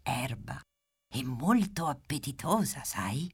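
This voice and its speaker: A woman's voice: rumbling low, very animated, slow, gravelly, husky, heavily acted. A woman voicing a small, friendly female dinosaur in a storybook, welcoming and homely. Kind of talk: storybook character voice.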